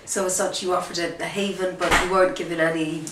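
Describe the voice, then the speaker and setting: An Irish woman journalist asking an interviewee questions with gentle, brief prompts. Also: lowish voice, flat delivery, fast. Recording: distant from the mic in an echoey room, faint noise.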